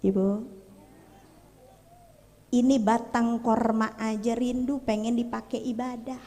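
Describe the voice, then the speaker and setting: A woman's voice: on the high side, flat delivery, slow, dark tone. A woman preacher tells a story in a sermon, joking and bantering with the audience. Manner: playful, jokes and banters with the audience. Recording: long reverb of a hall.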